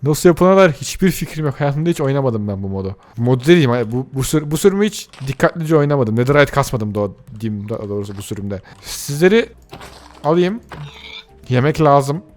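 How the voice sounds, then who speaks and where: A man giving excited let's-play commentary, gasping and exclaiming as he talks to his viewers and himself. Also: medium pitch, brisk, soft background music. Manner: excitable, gasps and shouts at surprises. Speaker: gaming youtuber.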